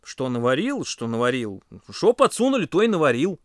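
A man voicing a greedy, grumbling, clumsy boy camper who exclaims in a high voice. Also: big pitch swings, fairly quick, dry recording, clean studio sound. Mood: irritated.

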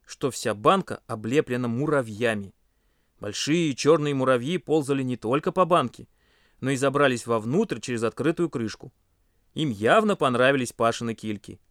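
A man reading a children's story aloud with expressive narration. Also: mid-range voice, no room sound, clean studio sound.

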